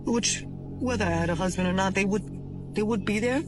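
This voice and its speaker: A woman's voice: mid-range voice, a little fast, over music. A woman in her forties speaking candidly and tearfully in a confessional vlog. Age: 40s.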